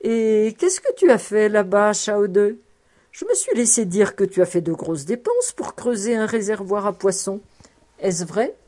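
A woman reading aloud, voicing a wry, good-natured old rabbi who protests loudly when teased. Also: medium pitch, very animated, unhurried. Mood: teasing.

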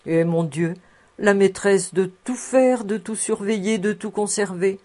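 A woman's voice: mid-range voice, measured pace, darkish tone, natural voice. A woman playing a chuckling old housekeeper. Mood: coaxing. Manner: chuckling, fussing, coaxing. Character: cheerful old female housekeeper, sixty-four, toothless.

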